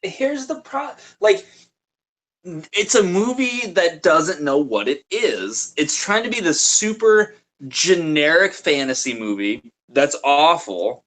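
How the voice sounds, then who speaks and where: A blunt co-host rants about films in a casual chat, swearing freely, with a pitch that swings up and down. The delivery is animated and dismissive. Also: slow pace. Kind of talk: casual movie review chat.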